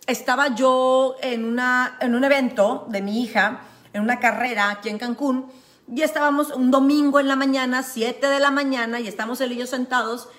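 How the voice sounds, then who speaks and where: A woman's voice: high-pitched, a bit bright. A woman with a Mexican accent giving an emphatic motivational talk, telling a personal story with many fillers and repetitions. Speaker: motivational speaker.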